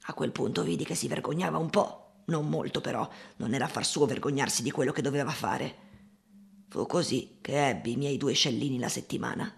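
A woman reading as a gravelly, sorrowful old woman. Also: extremely low pitch, fairly quick. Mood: weary, sorrowful. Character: poor old woman recalling hard times. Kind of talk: audiobook reading.

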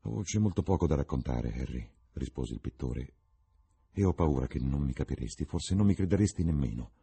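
A man's voice: extremely low pitch, expressive, fairly quick, vocal fry, mellow, husky, heavily acted. A man voicing an earnest, secretive young painter in a read-aloud novel.

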